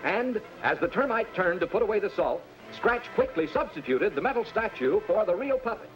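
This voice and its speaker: A man's voice: sits high, big pitch swings, normal speed. A man playing an earnest, dramatic storyteller, narrating a children's adventure in vintage 1950s cartoon style. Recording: dull vintage cartoon soundtrack with music.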